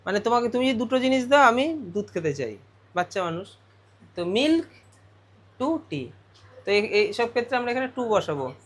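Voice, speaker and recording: A man's voice: extremely high pitch, very animated, moderate pace, pauses often. Man teaching grammar, asking questions. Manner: explains step by step, asks the class questions. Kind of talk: grammar lesson.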